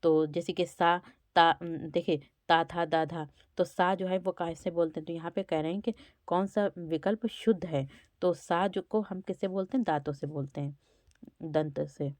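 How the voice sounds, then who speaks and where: A woman's voice: fairly low pitch, fairly even intonation, normal speed, a little mellow, no room sound. A woman teacher going through exam quiz questions one by one, sounding out each letter aloud to show where it is spoken from. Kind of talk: exam-prep lesson.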